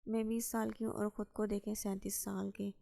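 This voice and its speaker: A woman's voice: medium pitch, little pitch movement, vocal fry, mellow, lightly acted. A woman reading aloud and voicing a bold, talkative young woman who speaks in a sassy, outspoken way. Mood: defiant. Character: lively chatty young woman, bold and cheeky.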